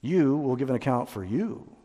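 Male pastor preaching, emphatic and mellow, church hall echo. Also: medium pitch, lively intonation, normal speed. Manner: emphatic, rising to loud peaks. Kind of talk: sermon. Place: church sanctuary.

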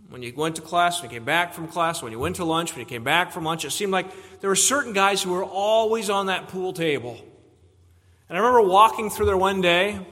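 A man's voice: fairly high pitch, a bit bright, long reverb tail. A man preaching an evening sermon, earnest and emphatic, repeating key phrases for weight. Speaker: pastor.

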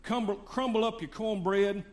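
A man's voice: high-pitched, steady tone, moderate pace, a little mellow. An older man preaching a sermon in a fervent, folksy way.

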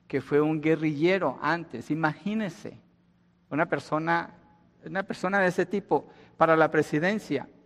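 Colombian-born man preaching in a reverberant hall. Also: on the high side. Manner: conversational, with rhetorical questions and emphatic rises. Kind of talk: sermon.

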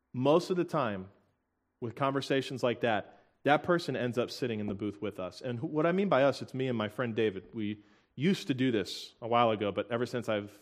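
A young man preaching a sermon, earnest and emotional, with halting restarts and soft laughs. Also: medium pitch.

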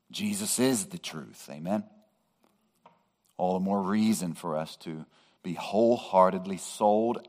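Male pastor, deep low voice, slow and deliberate sermon delivery with emphatic rises. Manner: slow, measured preaching that rises to emphatic peaks.

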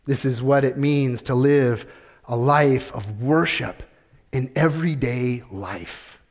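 Slow, measured male preacher. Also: medium pitch. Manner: measured preaching with repeated phrases and rhetorical questions. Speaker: pastor. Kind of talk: sermon.

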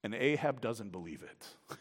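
A man preaching a sermon as pastor, dramatic and emphatic, swinging from hushed asides to loud declarations. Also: fairly low pitch, expressive, measured pace. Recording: long reverb from a large room.

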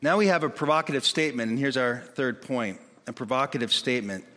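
A man preaching a sermon in an animated way, acting out the voices of the people in his story. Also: mid-range voice, fast. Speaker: pastor. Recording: long reverb of a hall.

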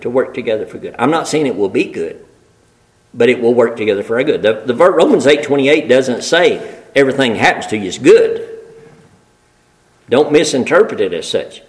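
A man's voice: medium pitch, rough recording. A man preaching a sermon in a folksy, emphatic way, building rhetorical lists and repeating phrases for weight.

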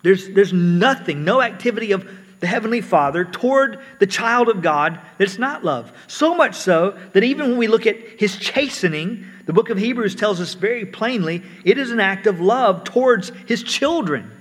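Male preacher, high pitch, earnest sermon delivery, echoing hall. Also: animated, moderate pace, a bit bright. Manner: earnest, repeats words while explaining.

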